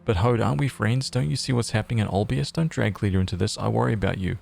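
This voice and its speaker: A man's voice: on the low side, quick pace, vocal fry, a little mellow, soft background music. A man reading the lines of Sop, an anxious young soldier, in a video game. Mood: pleading.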